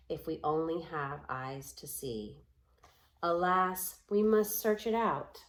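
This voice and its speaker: This is a storybook read-aloud of rhyming, poetic verse-like prose by a woman with a fairly low voice. Each phrase is drawn out slowly and with care, the lines shaped expressively as if recited.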